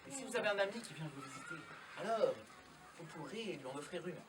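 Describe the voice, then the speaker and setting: A man's voice: sits high, animated, fast, noisy background. A man performing as a children's party magician, playful and theatrical, coaxing young spectators with questions and instructions. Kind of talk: live magic show for children. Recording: distant live recording, children's audience audible. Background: audience of children.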